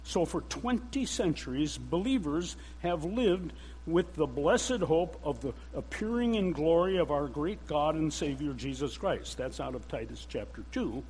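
An older man gives an earnest sermon in a church, pausing often in a measured way. His voice sits a little high and moves freely up and down as he preaches. A faint hum runs behind him. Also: animated, a little mellow, poor audio. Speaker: church speaker.

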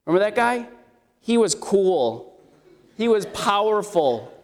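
A man preaches an expository sermon slowly, his high, scratchy voice very animated. Talking conversationally, he puts questions to his listeners, and long hall reverb fills the recording.

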